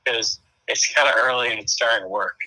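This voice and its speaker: A man's voice: medium pitch, brisk, bright, forceful tone, no echo, low-quality recording. A man calling a show, speaking casually and politely in a tentative, agreeable way. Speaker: caller to a show.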